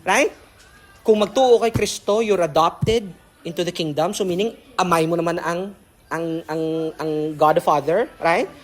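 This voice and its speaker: Filipino preacher checking in with listeners. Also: male voice, high-pitched, unhurried. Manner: code-switching, keeps checking in with listeners. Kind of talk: devotional sermon.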